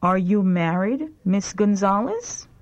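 A woman reads phrasebook sentences for a language course at a very slow, carefully enunciated pace. Her pitch sits in the middle range. The sound is dull and lo-fi, like an old lesson tape. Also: lively intonation. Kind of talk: slow scripted phrasebook drill.

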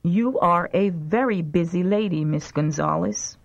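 Slow, deliberate woman reading lesson phrases. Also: lowish voice, gravelly. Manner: deliberate, carefully enunciated. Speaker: language course reader. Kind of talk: slow scripted phrasebook drill. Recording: dull lo-fi tape recording.

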